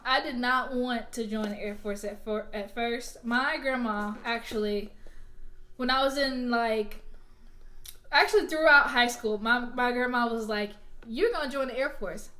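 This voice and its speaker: A woman's voice: a little high, pushed and bright. A young woman from Alabama, chatting casually to her viewers in an unboxing vlog and Q&A, rambling and drifting off track. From Alabama, US South. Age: young adult. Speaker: vlogger.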